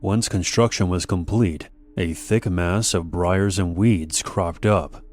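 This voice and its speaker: Male horror narrator, very deep voice, measured and steady delivery. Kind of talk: scripted horror story narration.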